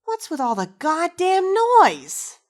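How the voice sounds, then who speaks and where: An actress playing a wisecracking, foul-mouthed video game companion in power armor, shouting to be heard over noise. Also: female voice, very high-pitched, wildly swooping pitch, takes it slowly, heavily acted. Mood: loud, irritated.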